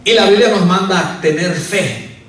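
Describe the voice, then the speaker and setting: Crowd noise accompanies a high-voiced male pastor preaching at a moderate pace in a church sanctuary. His voice rises on key words and drops low on each "hermano," sounding distant in the strongly echoing hall.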